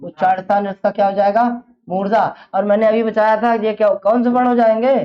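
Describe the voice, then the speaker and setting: A woman's voice: on the high side, a little mellow. A woman teaching an exam-prep class, who fires off a question, repeats it, and then answers it herself. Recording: dull lo-fi classroom recording.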